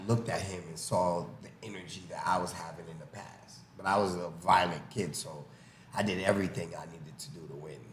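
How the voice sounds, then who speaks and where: A man with a low voice and fairly even intonation talks briskly as a podcast guest who coaches boxing. He's casual and emphatic, recounting personal stories and explaining through examples. Born in the US, he lived in Haiti in early childhood and was raised in New York, and the room sounds echoey with faint background noise.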